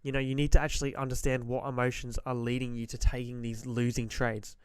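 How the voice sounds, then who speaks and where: This forex trader talks a little fast, his medium-pitched voice level as he drives home the same trading-mindset points bluntly and emphatically to the listener. He is slightly hoarse from being sick and clears his throat frequently, though his voice stays smooth beneath that. The sound is close-miked, dry and echo-free.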